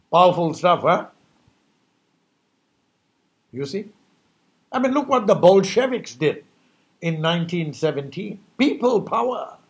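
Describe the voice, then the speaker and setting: A man's voice: on the high side, sing-song, slow, long pauses. A man delivering an impassioned New Year message as a rhetorical monologue, emphatic and preachy, full of rhetorical questions.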